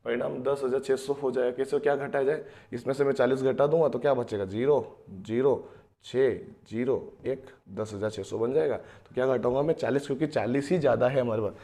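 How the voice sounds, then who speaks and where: A man's voice: medium pitch, fairly quick, dark tone. A man teaching a math lesson to children, explaining step by step and answering his own questions. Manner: explains step by step, often asks and answers himself; addresses students as children, repeats key phrases.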